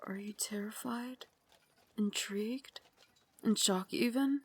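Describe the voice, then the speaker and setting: In an intimate ASMR roleplay, a woman plays a tender young Victorian vampire lady weighed down by guilt, speaking in formal, dramatic, confiding phrases that drift into breathy whispers. Her voice sits at a medium pitch and moves slowly, with a hushed, uncertain mood.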